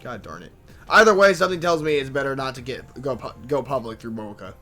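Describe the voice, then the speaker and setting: A mid-pitched man reads a visual novel aloud for his channel, often tripping over words and backing up to try again. He mutters little complaints between lines in a casual, unpolished way. Soft game music plays faintly underneath. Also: lively intonation, a little fast. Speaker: let's play host reading a visual novel aloud. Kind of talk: reading game text aloud with casual asides.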